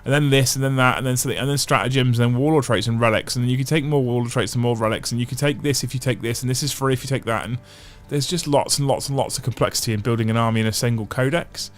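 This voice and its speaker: This man speaks fast, in a medium pitch and with hardly any pauses, over soft background music. Hosting a casual livestream, he chats and reads viewer comments, thinking aloud at length with restarts and repeated phrases.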